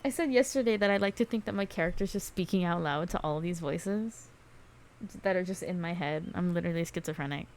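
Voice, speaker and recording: A woman's voice: on the low side, a little fast, a little mellow. A woman on a casual gaming stream who reads game text aloud and laughs often between jokey asides.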